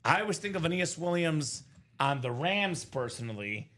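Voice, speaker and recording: High, bright-voiced man hosting a live break. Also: moderate pace. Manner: energetic, chatty, calls out names and teams. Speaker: host of live card breaks. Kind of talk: live stream commentary.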